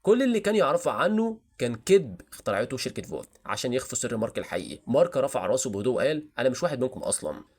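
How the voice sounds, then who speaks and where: Brief: male narrator, Egyptian Arabic accent, husky voice, very rapid dramatic storytelling. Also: mid-range voice, very animated, darkish tone. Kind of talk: scripted fan-fiction narration.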